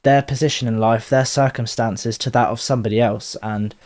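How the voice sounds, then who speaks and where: A man's voice: medium pitch, steady tone, brisk, darkish tone. A man, talking candidly in a casual monologue, drifting off on tangents and swearing now and then. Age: 20s. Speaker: vlogger.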